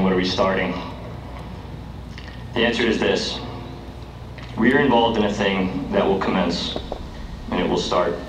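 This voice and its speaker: This young American student speaker addresses a commencement crowd from a podium on an outdoor lawn, his earnest speech rising to emphatic declaiming, in a fairly low voice. A distant camera records the podium microphone, producing roomy, distant, dull outdoor PA sound with background noise.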